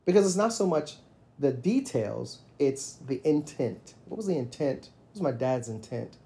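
A man's voice: mid-range voice, moderate pace, vocal fry, slight background noise. Reflective middle-aged man telling stories. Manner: reflective, storytelling, animated when quoting himself. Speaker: podcast co-host. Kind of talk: casual conversation.

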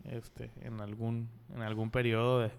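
A man's voice: medium pitch, little pitch movement, measured pace, vocal fry, clean tone. A man in his thirties with a Mexican accent, a podcast guest talking in a laid-back, slangy, joking way. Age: 30s. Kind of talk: casual conversational interview.

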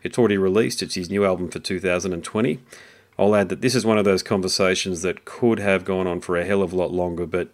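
A man hosts a podcast with a deep voice. He speaks directly to listeners, setting up an interview. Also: steady tone, fast. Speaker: podcast host. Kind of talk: podcast introduction.

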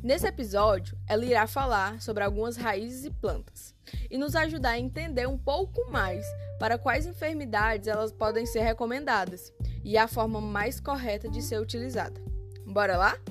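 A woman's voice: fairly high pitch, normal speed, music in the background. Brazilian woman presenting like a kids show host. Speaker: podcast host. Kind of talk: scripted podcast presenting to listeners.

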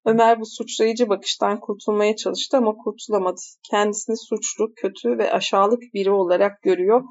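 A woman's voice: mid-range voice, fairly even intonation, fairly quick, a little mellow, dull audio. A woman reading a novel aloud, stopping now and then to comment on the text. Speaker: reader.

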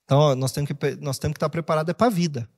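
High, animated Brazilian preacher in a reverberant hall. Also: male voice, rapid-fire. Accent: Brazilian Portuguese. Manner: animated preaching, acts out quoted voices and jokes. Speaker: pastor. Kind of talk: sermon.

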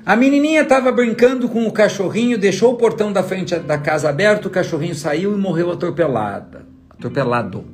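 Faint guitar music sits under this trainer's emphatic motivational talk. His voice is high-pitched, animated and fairly quick, and he keeps aiming rhetorical questions at the listener.

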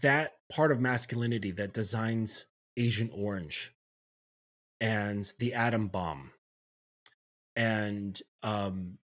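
A man's voice: lowish voice, takes it slowly, a bit bright. A man talking as a guest on a podcast, reflective, often checking in with the listener as he makes his points. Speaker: guest, men's coach. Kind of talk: podcast conversation.

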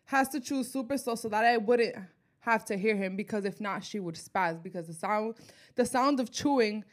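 A young woman co-hosting a podcast, telling stories in casual chat, animated and swearing heavily. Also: mid-range voice, moderate pace. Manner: animated, swears heavily, acts out her own outbursts. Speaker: podcast co-host.

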